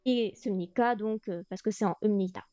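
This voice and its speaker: A woman's voice: medium pitch, rapid-fire, warm tone, no room sound. A woman teaching a beginner language class on a livestream, thinking aloud with lots of fillers. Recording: dull lo-fi stream audio, faint music.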